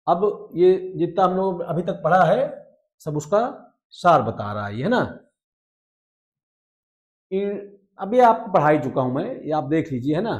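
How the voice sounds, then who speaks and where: Man, grammar teacher, high voice, very animated, repeats every rule, checks in with the class. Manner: repeats each rule in Hindi, reads English slowly. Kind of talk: explaining a lesson.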